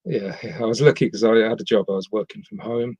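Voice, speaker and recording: This middle-aged West Midlands podcast guest, English and not Scottish, is a fast talker yet hesitant, dropping lots of ums and restarting during casual interview chat. His lowish, steady voice is a little mellow and slightly rough, on a dry, lo-fi recording.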